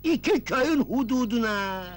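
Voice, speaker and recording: An actor playing a scheming, crude village agha in an old Turkish film, with a gravelly, drawling, bossy delivery. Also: male voice, very high-pitched, animated, moderate pace. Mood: commanding. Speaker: village agha plotting against a rival. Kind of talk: 1980s Turkish film acting. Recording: old film soundtrack with loud music.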